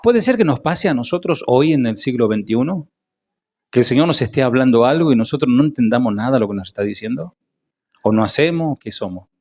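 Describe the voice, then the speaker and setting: A male pastor with a Rioplatense Spanish accent preaching a sermon, rising to loud questions to the congregation and dropping to quiet asides. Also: mid-range voice, animated, brisk. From Argentina.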